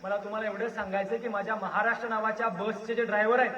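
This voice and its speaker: A man from Maharashtra giving a rousing public lecture on history, a storytelling orator with a booming delivery. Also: level tone, rapid-fire, pushed and bright, dull audio. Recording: echoey hall, voice far from mic.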